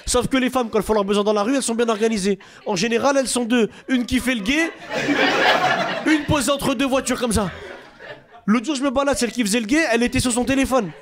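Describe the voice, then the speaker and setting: A young man doing a stand-up comedy set in a club, animated and quick to burst into shouted impressions, with audience laughter behind him. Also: extremely high pitch, noisy background.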